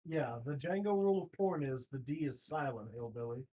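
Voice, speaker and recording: A woman chats casually with others. Her voice sits very low for a woman. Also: lively intonation, fairly quick, dark tone, low-quality recording. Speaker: chat participant. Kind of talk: casual chat.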